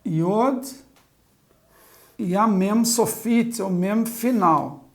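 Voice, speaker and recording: A woman's voice: mid-range voice, drawn-out words. A woman teaching a Biblical Hebrew grammar lesson at a chalkboard, methodically spelling out letters and vowels one by one. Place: classroom with a chalkboard.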